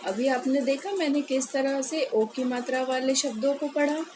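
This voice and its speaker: A woman's voice: high voice, noisy background. A woman teacher leading a phonics lesson for young children, patiently repeating each word and checking in with the class. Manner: slow, patient, drawn-out repetition of words for children; frequent "है ना" check-ins with pupils. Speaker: primary school Hindi teacher.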